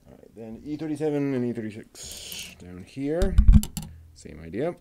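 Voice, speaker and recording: Muttering through the assembly of a model kit, a show host thinks out loud and reads out part numbers in a loose running commentary. His voice sits mid-range with big pitch swings at a moderate pace, and the recording is very noisy.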